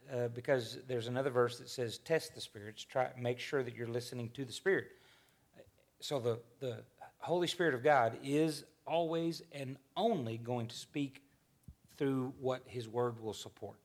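Fifties guy hosting a church panel chat, folksy, rambles and restarts a lot, middle pitch. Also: moderate pace. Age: 50s. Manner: rambling, self-correcting, folksy. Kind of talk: casual church discussion.

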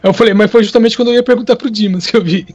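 A middle-aged man, chatting casually as a podcast co-host and telling lively anecdotes in which he acts out the people. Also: high-pitched, very fast, lo-fi sound. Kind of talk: casual chat.

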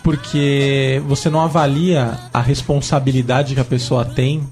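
A man's voice: mid-range voice, level tone, normal speed, darkish tone, soft background music. A man with a Brazilian Portuguese accent who gives his opinions and explains them in a casual chat.

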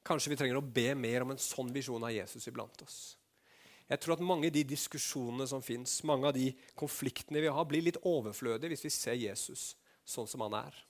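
A man preaching a sermon to a congregation, animated, swinging between loud bursts and hushed low passages and asking rhetorical questions.

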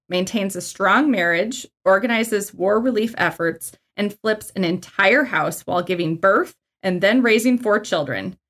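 Woman cohost reading a list out loud, chatty, mid-pitched voice. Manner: chatty, reads entries aloud with little asides. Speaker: podcast co-host. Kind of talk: casual chat, reading a list.

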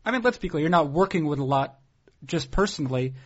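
A man hosting a casual podcast in a halting, dry deadpan way. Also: on the high side, lo-fi sound. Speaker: podcast host.

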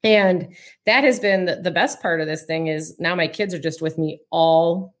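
A woman in cybersecurity chatting casually, telling lively stories and laughing often. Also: fairly low pitch, moderate pace. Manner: animated storyteller, laughs often. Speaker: cybersecurity guest. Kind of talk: casual conversation.

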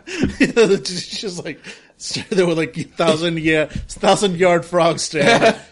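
A man improvising casually as a player in a tabletop game, speaking haltingly. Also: high-pitched.

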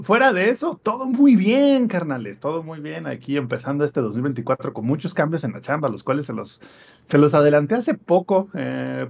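A man's voice: a little high, gravelly, breathy edge. A man with a Mexican Spanish accent, co-hosting a podcast in casual, joking banter. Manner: joking, teasing. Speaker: podcast co-host.

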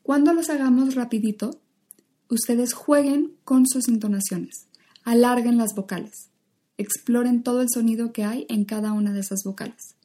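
A woman, an acting teacher leading a guided vocal warm-up, patiently drilling exaggerated syllables. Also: fairly high pitch, moderate pace.

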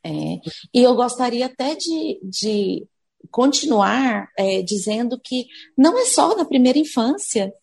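A woman's voice: on the high side, big pitch swings, measured pace, creaky, darkish tone. A woman, a speech therapist answering interview questions patiently and acting out what parents and children say. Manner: explains patiently, acting out parents' and kids' words.

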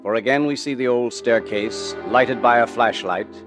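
A man's voice: medium pitch, normal speed. A man narrating a 1940s radio mystery in the formal, dramatic delivery of an old radio announcer. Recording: vintage 1940s radio recording with music. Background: music.

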